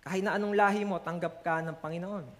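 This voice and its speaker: High-voiced Filipino man preaching. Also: steady tone. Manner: switches between Tagalog and English, slows to stress verses. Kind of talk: sermon.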